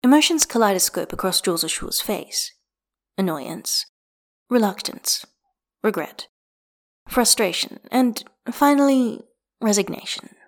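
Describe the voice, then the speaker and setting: A woman with a voice of ordinary pitch reads a story aloud in an audiobook style. Her storytelling is expressive and measured, and she lets dramatic pauses hang between phrases. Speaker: fanfiction reader. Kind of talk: audiobook narration.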